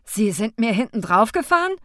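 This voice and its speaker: Woman reading angry young man, loud, clipped, indignant, dry close sound. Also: fairly high pitch, very animated, normal speed, no echo. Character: angry tall young man, curt, shouting driver.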